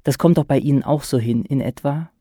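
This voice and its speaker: A man's voice: medium pitch, a little fast, mellow, no room sound, clean studio sound, lightly acted. A man reading a story aloud, voicing a shy but chatty, cheerful stranger in his mid-forties who speaks with eager politeness. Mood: politely eager.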